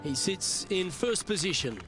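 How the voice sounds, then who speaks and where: A man's voice: sits high, expressive, unhurried, over music. A man playing a lead golf commentator in a video game, calling play in a polished broadcast style. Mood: composed, appreciative.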